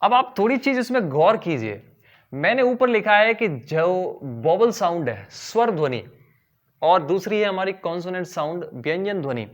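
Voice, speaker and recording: High-voiced Indian teacher explaining grammar. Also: male voice, animated, highs cut off. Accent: Indian English. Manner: explains step by step, asks the class questions and answers them; drawls English phrases slowly for emphasis. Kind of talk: classroom lesson in Hindi mixed with English.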